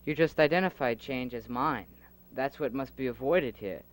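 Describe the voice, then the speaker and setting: This amateur audio drama performer, who handles several characters, has a mid-range voice and a moderate pace. In his home-made production he argues philosophy earnestly but keeps tripping over restarts, and old cassette tape adds a faint hiss.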